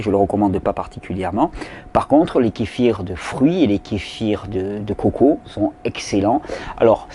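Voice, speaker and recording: A man's voice: lowish voice, mellow, slight background noise. A man hosting a casual question-and-answer session, talking loosely with many fillers and repeated words. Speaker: host answering viewer questions. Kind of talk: casual spoken Q&A.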